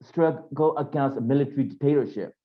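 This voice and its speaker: A man's voice: mid-range voice, fairly quick, lo-fi sound. A man from Burma in his fifties, a panelist giving earnest testimony in English with phrasing. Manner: earnest, non-native phrasing.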